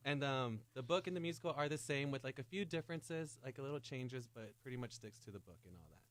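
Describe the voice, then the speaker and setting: A man appearing as a guest actor on a radio show, talking in an easygoing, halting way full of um and like. The sound is close and dry, with no room echo. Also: medium pitch. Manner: relaxed, hesitant, many fillers and "like". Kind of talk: casual interview chat. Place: radio studio.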